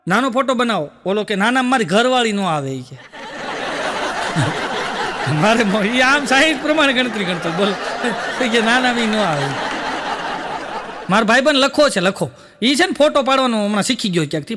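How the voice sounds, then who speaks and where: A man with a very high, bright voice and a Kathiawadi accent tells stage jokes, acting out each character and tagging his punchlines with a quick aside. His voice rings out with a long hall reverb. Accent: Kathiawadi Gujarati. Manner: storytelling, tags jokes with a repeated "listen" aside. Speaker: stand-up comedian. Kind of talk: stage joke-telling.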